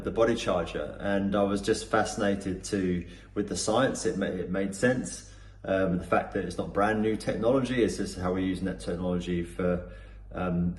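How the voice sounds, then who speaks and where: A man from Cornwall speaks in a low, darkish voice with a Cornish English accent. He gives an unscripted customer testimonial, hesitating often with fillers and restarts. The room is echoey, with faint background noise.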